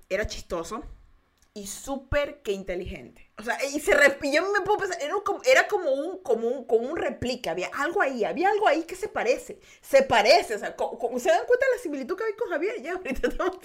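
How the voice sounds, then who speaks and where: Lively, high-voiced Ecuadorian woman. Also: fairly quick. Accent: Ecuadorian Spanish. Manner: animated, giggly, restarts often, acts out other people's voices. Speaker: podcast host. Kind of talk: casual confessional storytelling.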